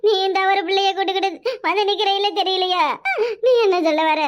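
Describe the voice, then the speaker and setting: A woman voicing a put-upon village daughter-in-law in a cartoon, complaining and sharp-tongued, with a Kanyakumari Tamil accent. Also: very high-pitched, steady tone, a little fast, muffled recording. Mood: wailing. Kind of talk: cartoon voice acting.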